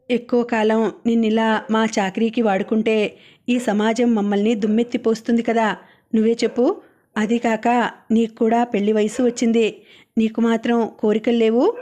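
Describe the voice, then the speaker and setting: A woman reading as a gentle older mistress of the house, soft coaxing voice, mellow tone, fairly high, storybook audiobook. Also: lightly acted. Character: gentle older lady of the house, kind and caring.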